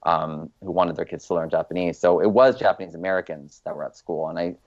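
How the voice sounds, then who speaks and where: Interviewed as a guest, a young Los Angeles actor talks fast and loosely, rambling with frequent ums and you-knows. His voice is low, and the sound quality is dull and lo-fi.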